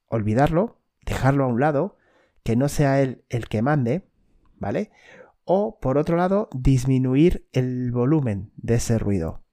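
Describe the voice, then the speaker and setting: This mellow, medium-pitched man is a mental coach for athletes, speaking directly to the listener in an instructional talk. He tags his points with a quick "okay?" to check in.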